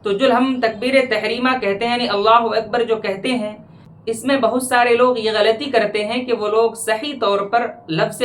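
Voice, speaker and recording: Measured man teaching prayer pronunciation. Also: sits high, fairly bright tone. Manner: measured, explanatory, repeats phrases slowly to correct pronunciation. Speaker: Islamic religious teacher. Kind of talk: religious lesson on prayer.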